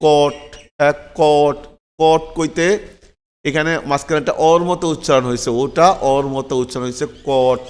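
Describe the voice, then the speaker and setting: A man's voice: a little high, steady tone, fairly quick, smooth. Patient man teaching phonics, echoey. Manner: patient, repetitive, checks in often with questions. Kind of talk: spelling out and pronouncing words for learners.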